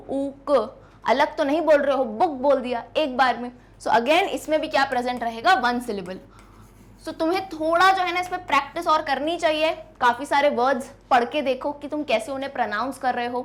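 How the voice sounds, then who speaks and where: A woman teacher giving a grammar lesson to school students, explaining patiently, calling them "beta" and sounding out words slowly. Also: sits high.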